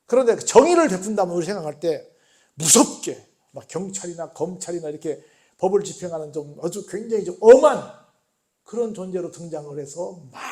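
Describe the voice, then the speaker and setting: A male pastor preaching a midweek church sermon, often asking the congregation questions and swinging between soft, low tones and raised exclamations. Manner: asks the congregation frequent rhetorical questions.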